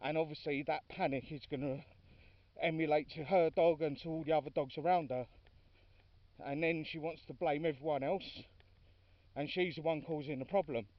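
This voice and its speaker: A man's voice: a little high, fairly even intonation, normal speed, no room sound, recorded from a distance. A man talking casually while walking his dogs outdoors, chatty and informal, now and then calling his dogs. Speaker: dog walker filming his walk. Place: outdoors on a dog walk. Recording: dry, dull lo-fi sound from off-mic.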